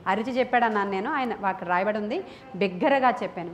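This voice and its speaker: A woman's voice: mid-range voice, fast. A woman pastor preaching to a congregation in a church, impassioned and emphatic, full of rhetorical questions and repeated phrases. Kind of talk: sermon.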